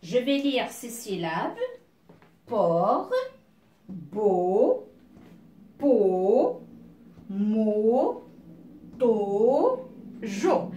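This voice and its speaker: Slow, patient woman teaching reading. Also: high-pitched, mellow, roomy sound, far from the mic, slight background noise. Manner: patient, explains each step, asks herself questions aloud; draws out words slowly and clearly. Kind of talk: slow beginner reading lesson.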